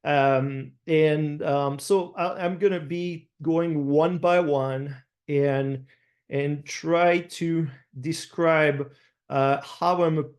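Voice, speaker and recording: A middle-aged man with a French accent, a farmer giving an online slide presentation over a video call, speaking haltingly with many fillers and restarts. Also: fairly high pitch, fairly even intonation, darkish tone. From France. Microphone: video call webcam.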